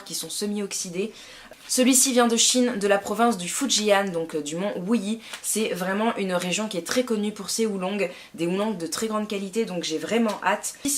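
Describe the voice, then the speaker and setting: A woman's voice: medium pitch, slight background noise. A young woman chatting enthusiastically as she presents a tea subscription box, with frequent hesitations. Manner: chatty and enthusiastic, many fillers. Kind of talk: casual unboxing vlog.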